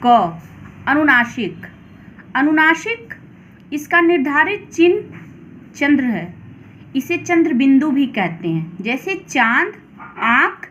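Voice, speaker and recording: A woman teacher with a Hindi accent, slowly and deliberately explaining grammar to children. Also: high voice, a bit bright, lo-fi sound. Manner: slow, deliberate, addresses children. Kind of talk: grammar lesson read aloud.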